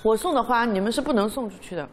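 A woman's voice: a little high, fast talker. A woman chatting casually among friends as a cast member of a reality show. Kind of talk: casual chat. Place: dim indoor lounge screening room. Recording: loud music behind the voice.

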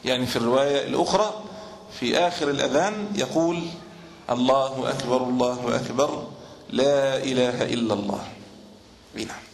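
A man giving a religious lesson, explaining texts at a measured pace and now and then chanting phrases to show how they are done. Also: medium pitch, vocal fry. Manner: measured explanation, sometimes chants the call to prayer to demonstrate. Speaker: Islamic teacher. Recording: echoey room with faint ambient noise.

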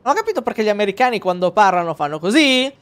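A man's voice: high voice, very animated, racing, fairly bright tone, clean tone. A man streaming a video game, casually commenting, rambling and swearing with jokes as he plays. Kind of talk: casual let's-play commentary.

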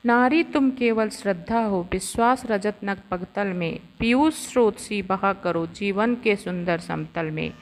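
A woman giving a slow, measured, expressive recitation of classical poetry, after a short formal greeting. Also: medium pitch. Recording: long reverb with faint ambient noise.

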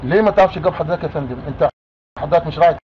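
A man's voice: fairly high pitch, racing. Insistent Egyptian man on a lo-fi call. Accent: Egyptian Arabic. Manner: insistent, repeats demands. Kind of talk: argumentative phone call. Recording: muffled lo-fi call with faint noise.

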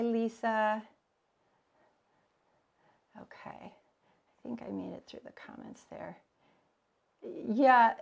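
With a gravelly, mid-range voice, a woman in her forties teaches a live cooking demo in her home kitchen. She chats while she works and greets viewers by name.

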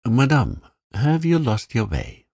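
A man voicing a courteous, suave gentleman fox in a sleep story, speaking with smooth politeness. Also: mid-range voice, very animated, slow pace, no echo, clean studio sound, heavily acted. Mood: courteous, curious.

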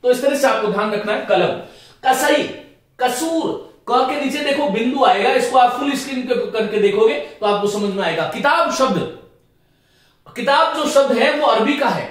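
A man's voice: very high voice, fairly bright tone. A middle-aged man teaching Hindi grammar for exam prep, carefully repeating words to model their pronunciation and appealing to his students in earnest. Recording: very echoey room.

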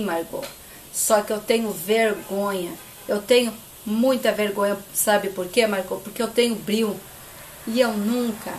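A woman's voice: medium pitch, slight background noise, lightly acted. A woman voicing a bitter grown son who coldly accuses his mother. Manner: cold, accusing, repeats her name.

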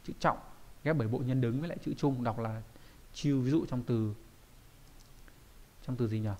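A man's voice: medium pitch, normal speed, darkish tone. A man teaching a kanji lesson, explaining patiently and often checking that listeners follow.

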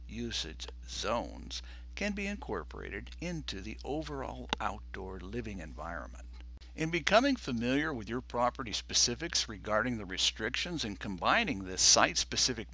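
A man reading a formal, scripted voice-over presenting a pool design service in a measured way. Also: on the low side, sharp tone.

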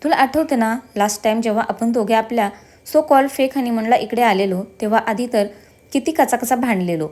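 A woman voicing a lively young bride who scolds and teases her husband in a told story. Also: on the high side, brisk, close to an everyday voice. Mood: playful. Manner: playful scolding.

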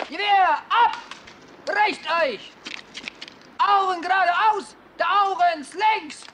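An actor playing a dutiful Prussian grenadier squad leader in a period film, shouting stretched commands like a German drill sergeant. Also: male voice, very high-pitched. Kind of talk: period military film acting. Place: outdoors by brick barracks, film microphone. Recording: old film soundtrack with faint noise.

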